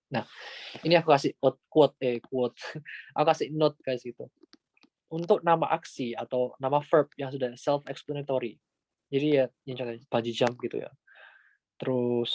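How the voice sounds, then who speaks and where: A man talks through a language lesson in a loose, friendly, filler-heavy way. His voice sits in an ordinary middle pitch. The sound is dry and close, with no room around it. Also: gravelly, a little mellow, dry recording, muffled recording. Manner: chatty, informal, many fillers like "gitu". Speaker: Japanese language tutor. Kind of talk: casual online lesson.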